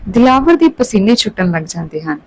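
A woman narrating a Punjabi-accented story, switching between calm telling and raised voices for quarreling characters. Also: medium pitch, a little fast, rough recording.

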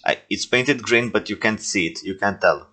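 Man, low pitch, casual reaction commentary, rambling, self-deprecating, joking. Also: normal speed, sharp tone. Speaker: stop-motion filmmaker reviewing his own movies.

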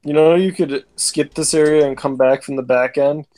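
A man's voice: a little high, fairly even intonation, moderate pace, mellow. A young man co-hosting a casual co-op gameplay session, tossing out goofy, absurd jokes. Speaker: gaming co-host.

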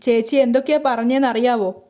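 An upset young woman speaking urgently through tears, voiced by a woman narrator. Soft, mellow tone pitched a little high. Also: fairly even intonation, a little fast, close to an everyday voice. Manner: tearful, urgent.

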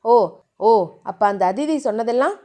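A woman voicing a brooding, tough young male hero in an audio novel, speaking in a soft, low murmur. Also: lively intonation, moderate pace, natural voice. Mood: brisk.

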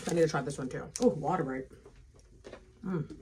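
A woman's voice: low voice, moderate pace, mellow, a little hiss or hum. Chatty woman tasting snacks on camera. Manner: chatty, eating while talking, mouth full. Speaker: food vlogger. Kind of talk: casual food tasting chat.

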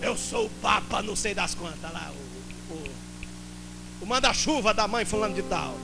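Brief: defiant male demon, high and shouty, voiced by a preacher, guitar behind. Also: expressive, moderate pace, gravelly, rough recording. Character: boastful male demon speaking through a phone. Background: guitar music.

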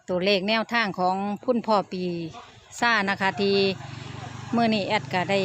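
A woman's voice: mid-range voice, a bit bright, slight background noise. A woman vlog host with an Isan accent, chatting to her viewers in a casual, upbeat way. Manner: chatty, calls to viewers, agreeable interjections. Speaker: channel host.

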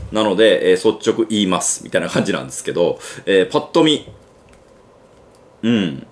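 A man with a Kansai accent hosting a casual gadget unboxing review, chatty and thinking aloud with lots of fillers. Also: low voice. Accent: Kansai Japanese. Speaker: gadget reviewer and channel host.

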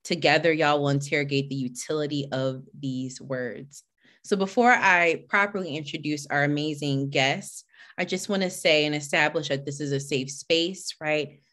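A woman with a low-pitched voice hosts an online event over a video call. She chats casually as she greets attendees by name, then shifts into a steadier introduction of the organization. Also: moderate pace. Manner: warm, chatty greetings, reading names from the chat. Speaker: host and executive director.

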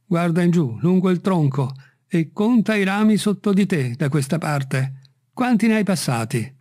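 Un gentiluomo febbrile e agitato che impartisce ordini con urgenza, interpretato da un uomo che legge un audiolibro. La voce è un po' alzata e tesa. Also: male voice, sits high, lively intonation, moderate pace, darkish tone, pitched above the performer's own voice. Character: excitable gentleman, feverish and commanding. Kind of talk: audiobook reading.

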